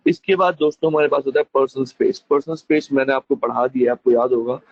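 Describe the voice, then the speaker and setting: Lively male teacher. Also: medium pitch, fast talker, no room sound. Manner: addresses students as friends, mixes in English phrases; lively, demonstrative emphasis. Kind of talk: classroom lecture. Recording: dull lo-fi dry recording.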